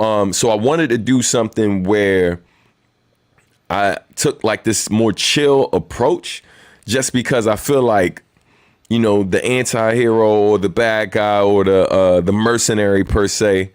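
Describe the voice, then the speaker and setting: Hosting his weekly live stream, a man with a very deep voice chats and takes questions in a casual, laid-back, rambling way full of fillers. The sound is studio quality with no echo.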